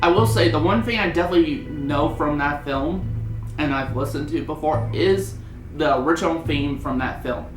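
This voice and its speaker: Someone gives a casual, opinionated film review, rambling along conversationally in a mid-range voice at a moderate pace. The recording has a roomy echo with music underneath.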